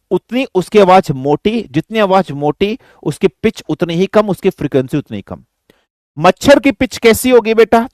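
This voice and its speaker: High-voiced Indian man teaching physics. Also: darkish tone, no echo, clean studio sound. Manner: addresses students as beta, asks and answers own questions. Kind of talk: classroom lecture.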